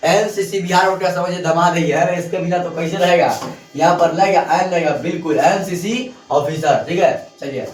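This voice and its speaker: A man teaching a grammar lesson to students, repeating points and asking them questions as he goes. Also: on the high side. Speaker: English teacher. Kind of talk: classroom lesson explaining grammar. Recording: echoey room, mic at a distance, faint music.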